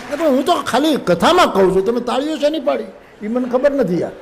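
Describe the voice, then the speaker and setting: Animated male katha storyteller. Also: extremely high pitch, fast talker, gravelly, a faint crowd, a little hiss or hum. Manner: animated, jokey, acts out dialogue. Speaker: religious storyteller. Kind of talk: humorous live katha storytelling.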